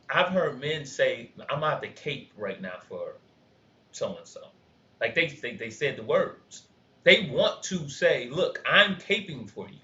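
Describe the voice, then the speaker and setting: A male podcast co-host, self-described as having a high voice and a dumb laugh, banters animatedly in a casual reaction chat, laughing often and getting loud to make his points. The audio is roomy, dull and lo-fi.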